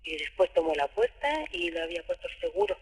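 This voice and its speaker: A woman giving a halting, emotional personal testimony, often repeating her words. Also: sits low, steady tone, darkish tone, slightly rough, in a large hall, low-quality recording. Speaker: interviewee recounting abuse.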